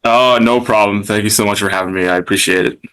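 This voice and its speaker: A man's voice: lowish voice, steady tone, quick pace, pushed and bright, smooth, poor audio. A man telling his personal story as a podcast guest, hesitant, with many fillers and repeated words.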